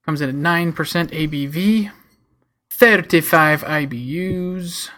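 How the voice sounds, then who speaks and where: A man co-hosting a beer review, describing a beer's look and smell in an easygoing, pausing way. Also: a little high, pushed and bright. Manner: easygoing, describing aromas with pauses. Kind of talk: casual tasting review.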